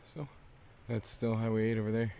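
This young man's fairly low, creaky voice has a completely flat delivery at normal speed. He's a thru-hiker vlogging casually to an action camera held at arm's length on a mountain trail, easygoing and self-deprecating, laughing at himself and winded on climbs, with background noise on the outdoor camera mic.

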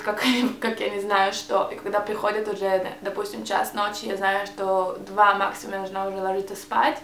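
A young woman with a Hebrew accent talks in Russian, her second language, for a casual tag video, often pausing and restarting words. Her mid-range voice has a fairly bright tone, recorded on a camera mic as she sits facing it in a small, bright indoor room. Reverb and slight background noise are present.

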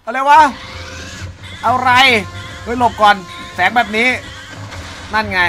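A man commentating live on his own gameplay, excitable, with loud exclamations and repeated cries. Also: sits high, takes it slowly. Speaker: game streamer. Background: game music.

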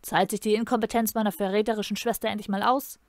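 A woman's voice: medium pitch, level tone, fast, no echo, studio quality, close to an everyday voice. A woman reading aloud and voicing a cruel, imperious male emperor in a menacing, commanding tone. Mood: threatening. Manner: menacing, commanding, bursts into furious shouting.

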